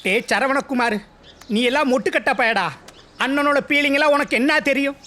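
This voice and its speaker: A self-pitying husband rants fast in a high, bright voice. Soft music runs under his voice. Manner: whining, ranting.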